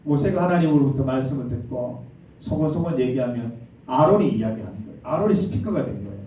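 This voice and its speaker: Guy giving a youth sermon, mellow voice, bouncy delivery, big echoey church, mic kinda far. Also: mid-range voice, lively intonation, quick pace. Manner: asks the listeners questions often. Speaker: youth pastor. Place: church sanctuary.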